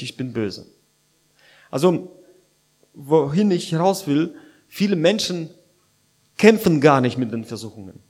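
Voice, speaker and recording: A man preaching a sermon in a conversational way, full of fillers and restarts, with slightly unidiomatic grammar and bursts of loudness. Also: fairly high pitch. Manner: conversational preaching with many fillers and restarts, growing loud at points.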